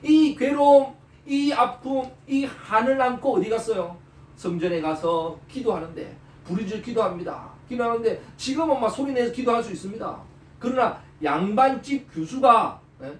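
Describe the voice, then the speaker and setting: A male pastor preaches with animation, prodding the listeners with questions. His voice sits very high and swings widely. The sound is roomy and distant from the mic. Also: moderate pace. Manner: animated, peppers talk with rhetorical questions and "eh?" prompts. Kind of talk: sermon.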